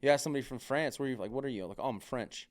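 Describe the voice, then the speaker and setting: A man's voice: medium pitch, rapid-fire. A man chatting casually on a podcast, rambling with lots of filler words and swearing, and acting out other people's remarks.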